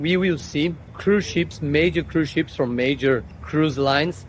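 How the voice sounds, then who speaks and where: Male travel vlogger, slightly high voice, eager and chatty. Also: normal speed, a little hiss or hum, rough recording. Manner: enthusiastic, repeats "super", playful. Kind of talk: casual travel vlog chat. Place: outdoors in city streets and a gym.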